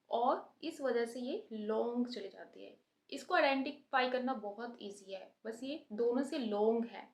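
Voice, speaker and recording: A young woman with an Indian accent teaches a phonetics lesson at an unhurried pace. She drills example words one at a time, patiently. Her slightly high voice rings in an echoey room. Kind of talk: phonetics lesson for exam students.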